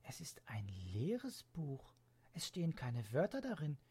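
A man doing a high breathy little girl. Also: huge pitch swings, unhurried, dark tone, exaggerated voice. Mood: hushed wonder. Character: excited little girl turning eight.

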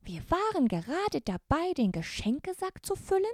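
A woman voicing a small female Christmas elf who speaks in a very high, formal and courtly way. The elf is polite but urgent. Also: sing-song, moderate pace, darkish tone, dry recording, studio quality. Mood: earnest.

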